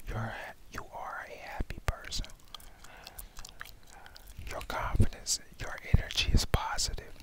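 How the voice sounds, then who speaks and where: A man's voice: a little slow, pauses often. A young adult man whispers a reassuring ASMR pep talk of affirmations straight to the listener, close on a headset microphone. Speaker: ASMR host. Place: indoors, small room at home. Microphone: headset microphone close to the mouth.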